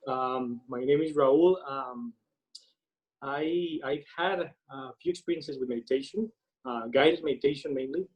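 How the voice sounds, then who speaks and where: A man introducing himself to a workshop in a hesitant, halting way. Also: medium pitch, highs cut off. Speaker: workshop participant. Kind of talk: casual introduction.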